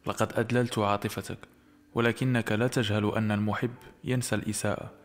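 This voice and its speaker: A man reading the lines of an emotional young woman in an audiobook, in his own low voice with an earnest, pleading manner. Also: level tone, fast, natural voice.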